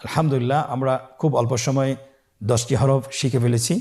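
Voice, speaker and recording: A man teaching Quran letter pronunciation step by step, slowly drawing out each letter for the listener to repeat. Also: medium pitch, steady tone, darkish tone. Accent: Bangladeshi Bengali. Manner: slow, drawn-out model pronunciations for the listener to repeat.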